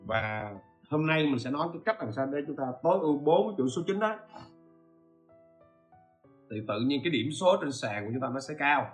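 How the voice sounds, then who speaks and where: A man's voice: fairly high pitch, lively intonation, brisk, long pauses, faint music behind. A man hosts a podcast lesson, explaining step by step and often stopping to ask listeners if they follow. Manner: asks rhetorical questions and checks in with listeners. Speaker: podcast host teaching e-commerce. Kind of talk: informal spoken lecture.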